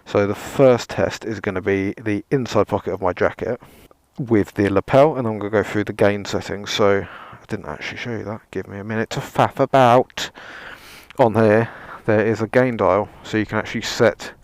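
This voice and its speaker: Low-voiced man vlogging casually. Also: fairly even intonation, normal speed, dry recording. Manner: rambling, self-deprecating, dry sarcasm, mild swearing. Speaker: motovlogger, presenter. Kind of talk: casual vlog gear demonstration.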